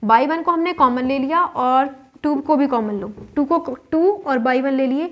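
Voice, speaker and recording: Woman, Indian accent, high voice, step-by-step maths lesson, dull lo-fi sound. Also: a little slow. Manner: explains step by step, asks and answers her own questions. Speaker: maths teacher. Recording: dull lo-fi recording.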